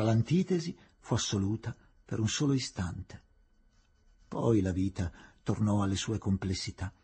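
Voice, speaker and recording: Husky, breathy male audiobook narrator. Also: on the low side. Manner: expressive, dramatic reading.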